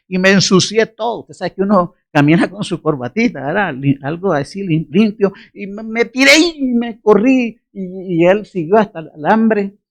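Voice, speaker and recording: A man preaching a sermon, telling a personal story with lively storytelling and laughing at himself. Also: sits high, moderate pace, few pauses. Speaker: pastor.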